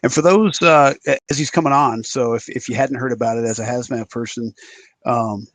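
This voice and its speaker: A man's voice: medium pitch, brisk, fairly bright tone, dry recording. A man hosting a podcast, explaining incidents in a casual, conversational way. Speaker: podcast host.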